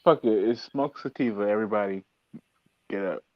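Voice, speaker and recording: A man's voice: fairly low pitch, fairly quick, dry recording, lo-fi sound. A man chatting casually as a podcast guest over an online call, giggly and profane in his banter.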